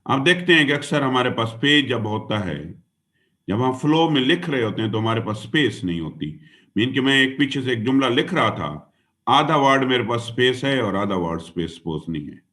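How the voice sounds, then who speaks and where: An exam-prep teacher from Pakistan lectures his class at normal speed, his pitch swinging up and down in an animated, expressive way. He spells words out letter by letter, keeps addressing the students as "dear student" and "son," and weaves English terms in and out of his explanation.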